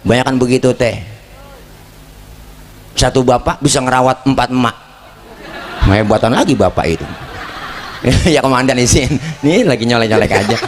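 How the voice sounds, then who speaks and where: A man's voice: mid-range voice, moderate pace, pauses often, a little hiss or hum. A man giving a joking sermon, talking straight to the crowd. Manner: joking, lively, addresses the crowd directly. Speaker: preacher. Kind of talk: comedic sermon.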